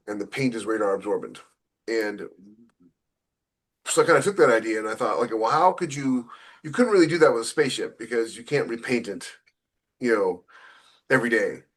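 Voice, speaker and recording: Speaking on the low side, a sci-fi author co-hosting a podcast explains ideas in a relaxed way, frequently dropping "you know" into his sentences.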